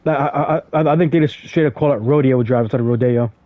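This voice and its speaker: A man's voice: on the high side, fast, no room sound. A man giving casual gameplay commentary as he plays, rambling with lots of fillers and stammered restarts. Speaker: gaming streamer. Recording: dry tinny phone-like audio.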